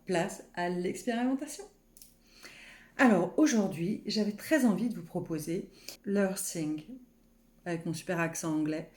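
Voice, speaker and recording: A woman speaking French as a personal development coach, guiding listeners gently with many pauses and fillers. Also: on the low side, reverberant. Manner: soft, unhurried, guiding with many fillers and restarts; counts slowly through a breathing exercise. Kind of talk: gentle personal growth video talk.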